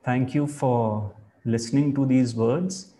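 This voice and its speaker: A man giving a reflective spiritual talk as a teacher, speaking in a measured, thoughtful way. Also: mid-range voice, warm tone.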